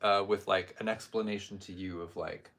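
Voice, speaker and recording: Man, bright voice, sitting a little low in pitch; casual perfume chat full of dry quips. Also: fairly even intonation, normal speed. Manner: wry, joking, rambling asides. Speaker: perfume reviewer.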